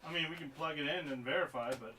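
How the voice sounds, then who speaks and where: A man's voice: fairly high pitch, quick pace, sharp tone. A man streaming live as he repairs game consoles, chatting casually and mumbling asides to himself while he works. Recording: voice a bit far from the mic, faint noise behind.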